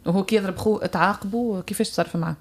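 A woman's voice: medium pitch, racing. A woman with a Tunisian Arabic accent hosting a talk show, listening closely with constant short sounds of assent. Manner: attentive, frequent murmured assent. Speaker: host.

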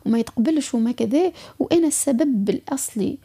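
Gravelly, husky Tunisian woman counselor. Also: sits high, animated, quick pace, mellow. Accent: Tunisian Arabic. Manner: probing, explaining. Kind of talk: advice talk.

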